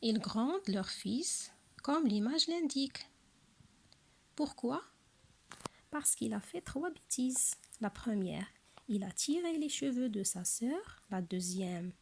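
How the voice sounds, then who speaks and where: A woman teaching young pupils a lesson, speaking slowly and carefully and repeating each word twice. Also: a little high, expressive, creaky, slightly rough.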